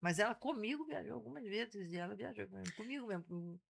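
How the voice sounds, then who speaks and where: A woman in her sixties with a Carioca accent, speaking as an interview guest. Her voice has a gravelly, fry-edged texture. She tells her stories with animation and keeps restarting her sentences. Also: mid-range voice, fast. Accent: Carioca Portuguese. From Brazil (Rio de Janeiro). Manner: animated storyteller, frequent self-restarts. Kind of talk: casual conversational interview.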